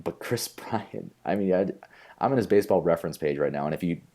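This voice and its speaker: A man's voice: deep voice, a little fast, mellow. A young man co-hosting a podcast, chatting eagerly about baseball with lots of fillers. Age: young adult. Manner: enthusiastic, rambling baseball talk with many fillers. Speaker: podcast co-host. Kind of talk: casual chat.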